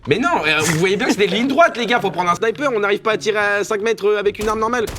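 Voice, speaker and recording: A young man, a YouTuber, joking in rowdy banter, loud and excitable, laughing and swearing a lot. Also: sits high, fast, a crowd in the background. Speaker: youtuber doing challenges. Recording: loud music under the voice.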